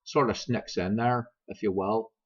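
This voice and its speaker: Male gaming streamer, American accent, lowish voice, rambling and self-deprecating, dull laptop-mic sound. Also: fairly even intonation, a little slow. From grew up many years in America; also Irish. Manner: self-deprecating, joking, digressive. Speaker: streamer and gaming video host. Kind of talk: casual rambling chat to viewers.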